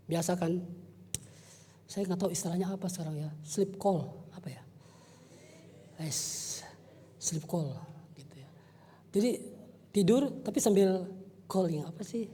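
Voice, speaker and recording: Male youth preacher, warm husky tone, lively storyteller, echoey church hall. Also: high voice, unhurried, pauses often. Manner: animated personal storytelling, joking with listeners. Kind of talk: youth service sermon.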